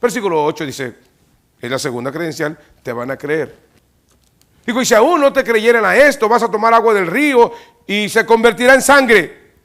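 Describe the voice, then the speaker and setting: A pastor preaching a sermon in a church, animatedly acting out Bible dialogue with loud rising peaks. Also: male voice, high-pitched, normal speed.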